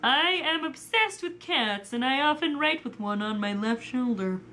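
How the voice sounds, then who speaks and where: High-voiced young woman reading a bio. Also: expressive, moderate pace, pushed and bright, a little hiss or hum. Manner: reads in character as a historical writer. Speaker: student presenter. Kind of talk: reading a first-person biography aloud.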